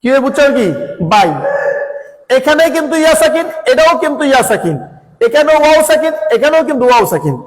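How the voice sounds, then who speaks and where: A man's voice: very high-pitched, lively intonation, quick pace, big-room sound, rough recording. A man teaching Quran reading, asking questions and answering them himself, repeating each point. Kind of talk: classroom-style lesson.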